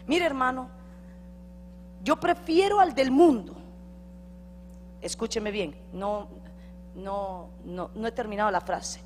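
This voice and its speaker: A middle-aged Honduran woman pastor preaching a sermon in a church hall, acting out quoted voices and building to loud, emphatic peaks. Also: fairly high pitch. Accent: Honduran Spanish. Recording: long hall reverb, faint hum.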